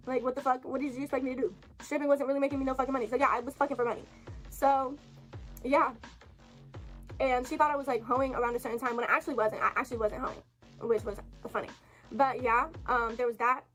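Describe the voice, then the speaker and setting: A young woman rushes through a heated confessional vlog in a high voice. She rambles with fillers, swears freely and keeps apologizing. Faint music plays underneath. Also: a bit bright. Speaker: vlogger telling her side of a breakup.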